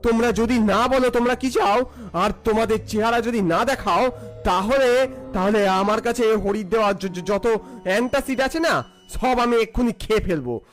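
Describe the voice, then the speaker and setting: A man voicing a jittery, frightened man in an animated ghost story, stammering in panic. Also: sits high, moderate pace, soft background music, natural voice. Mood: blustering.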